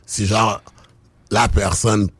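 A man's voice: fairly low pitch, flat delivery, takes it slowly, a bit bright, breathy edge, dry recording. A man with a Québécois French accent, telling stories casually and mixing in English slang, with frequent restarts. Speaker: rapper and podcast guest. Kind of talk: casual chat.

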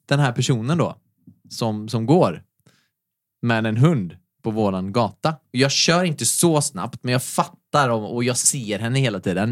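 A young adult man hosting a podcast, telling a story in casual chat, animated and swearing, acting out the people he quotes. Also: mid-range voice, no echo, studio quality. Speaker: podcast host.

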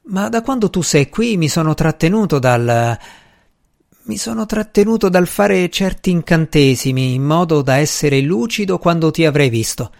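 A man voicing a mad, unkempt male magician who speaks in a slow, hushed, menacing whisper. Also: on the high side, expressive, vocal fry, pitched above the performer's own voice. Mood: intense.

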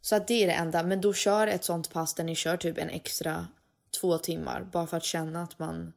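A woman with a lowish, gravelly voice chats as a podcast co-host. She talks loosely and quickly and slips English phrases in. She hands out advice in a relaxed way. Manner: mixes in English phrases, chatty and advising. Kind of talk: casual chat.

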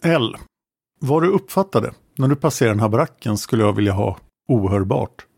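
A man with a gravelly, fry-tinged voice reads an interrogation transcript aloud for a true-crime podcast, naming each speaker in turn. His delivery is measured and matter-of-fact, recorded close to the mic in a dry, dead room. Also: lowish voice, expressive, a little mellow, dry recording. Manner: measured, matter-of-fact reading that names each speaker before their lines.

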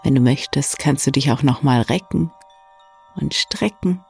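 A person gently guiding an evening relaxation in a soft, hushed, soothing voice with long pauses. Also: medium pitch, creaky, husky. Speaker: meditation guide and bedtime story reader. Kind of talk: soft, soothing guided meditation for bedtime. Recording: soft new-age music bed. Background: calm new-age music.

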